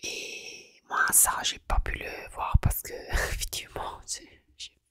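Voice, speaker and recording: A woman whispers in soft ASMR style, with an Italian accent. The sound is bright and very dry, as if right at the microphone. She talks casually and haltingly, often feeling for the next word. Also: no room sound. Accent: Italian accent in French. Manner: hesitant, searching for words in French. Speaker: ASMR creator. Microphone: close microphone. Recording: close, dry whisper recording.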